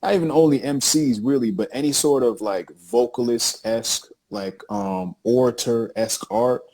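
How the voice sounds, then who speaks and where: A man co-hosting a casual podcast, animated and hyping up his guest while repeating phrases. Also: mid-range voice, moderate pace. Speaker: co-host introducing the show.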